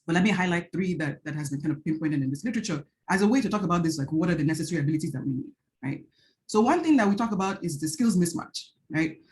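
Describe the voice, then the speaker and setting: Talking fast and animatedly, an earnest Nigerian researcher with a Nigerian accent presents on an academic panel via video call. Her voice is fairly low and a little mellow, and she often says "right?" and restarts phrases mid-thought. Slight background noise can be heard.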